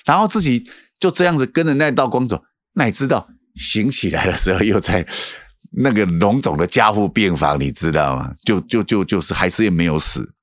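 Deep-voiced Taiwanese pastor, halting testimony. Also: male voice, lively intonation, no room sound, clean studio sound. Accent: Taiwanese Mandarin. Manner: halting, repeats words, asks "you know?". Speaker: pastor guest recounting his past. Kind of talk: emotional testimony in casual interview.

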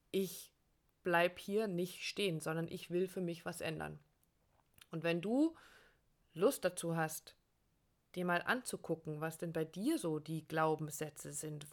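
Woman coach on a podcast, talks right to you, encouraging and warm. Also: on the low side. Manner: warm, encouraging, addresses listener directly. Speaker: co-host, relationship coach. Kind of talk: conversational podcast talk.

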